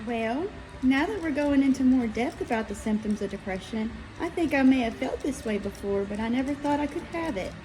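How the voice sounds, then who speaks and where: Folksy puppet student played by a woman, higher-pitched, scripted skit delivery with noise behind. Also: expressive, fairly quick. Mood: earnest.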